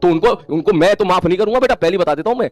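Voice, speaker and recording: A man's voice: high-pitched, expressive, racing, a little mellow, no room sound, faint music behind. A man teaching an online class, lecturing his students sternly and scolding them.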